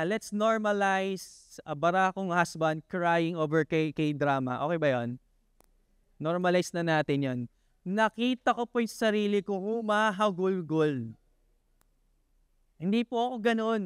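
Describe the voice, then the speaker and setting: High, clear-voiced chatty male preacher. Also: no echo, studio quality. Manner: chatty, asks the congregation questions, laughs often; many fillers and restarts, builds to excited emphasis. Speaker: pastor. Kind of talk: conversational Taglish sermon. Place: church worship hall.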